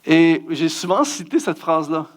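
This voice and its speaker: A middle-aged man with a Quebec French accent giving a self-mocking, story-driven sermon as a guest speaker and musician. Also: normal speed. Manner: animated, self-mocking, acts out scenes with big pitch jumps.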